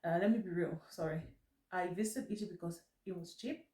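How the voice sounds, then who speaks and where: A woman with a soft, mellow voice chats casually to her viewers, rambling and correcting herself. Her nose is stuffed up, so she does mouth breathing as she speaks. The recording is echoey, picked up some way from the microphone. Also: on the low side, fairly quick. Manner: mouth breathing while talking. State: congested blocked nose, breathing through the mouth. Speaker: vlog host. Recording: echoey room, distant mic.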